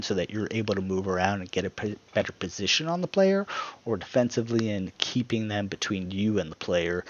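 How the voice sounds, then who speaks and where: Low-voiced man explaining game tactics. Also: highs cut off. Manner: rambling, self-correcting, breaks into laughter at his own jokes. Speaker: gaming guide creator. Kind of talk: casual gameplay tutorial.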